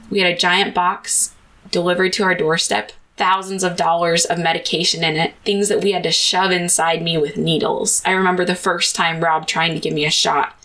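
A woman's voice: fairly low pitch, gravelly, fairly bright tone, rough recording. A woman podcast host telling her own personal story in an earnest, confessional monologue.

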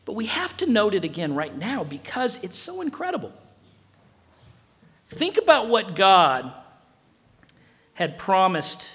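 A man preaching a sermon as pastor in an animated way, acting out dialogue. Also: high voice, big-room sound.

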